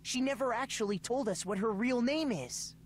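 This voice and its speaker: A woman voicing an earnest, determined teenage boy in an anime game, reasoning emphatically and deliberately. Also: a little high, animated, husky.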